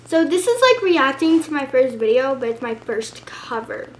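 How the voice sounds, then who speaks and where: A woman's voice: high-pitched, big pitch swings, normal speed, slight background noise, rough recording. A young woman, chatting casually and self-consciously, giggling and breaking into bits of song. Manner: giggly, self-conscious, sings snippets mockingly. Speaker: vlogger reacting to her old singing cover. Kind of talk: casual reaction vlog.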